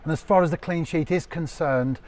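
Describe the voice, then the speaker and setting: A man's voice: fairly high pitch, a little fast, darkish tone. A man interviewing a coach for a club channel, reading formal lead-ins to his questions. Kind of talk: post-match interview questions.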